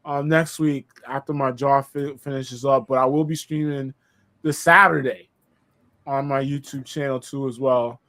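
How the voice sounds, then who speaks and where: Recovering from dental surgery, a Boston-born content creator appears as a guest on a laid-back podcast, speaking with a pseudo New York accent. His medium-pitched voice has a sharp tone, fairly even intonation and a moderate pace, and his talk is loose and rambling, thick with fillers.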